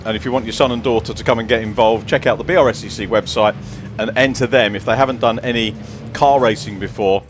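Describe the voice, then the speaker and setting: A man co-commentating motorsport, chatty and animated while talking through a replay. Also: lowish voice, fast talker, soft background music. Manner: chatty, excited over replays. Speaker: race co-commentator.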